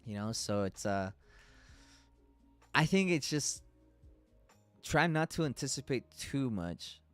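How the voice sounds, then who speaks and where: A man's voice: medium pitch, lively intonation, slow pace, soft background music. A man hosting a live trading stream, talking loosely and casually through chart analysis, swearing and laughing as he goes.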